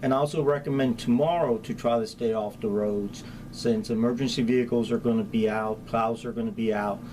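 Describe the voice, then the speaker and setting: Speaking a bit fast at medium pitch, this county hazmat chief, a middle-aged man with a Spanish accent, answers an informal interview in a practical, straightforward way. The recording is low quality, with steady background ambience clearly audible.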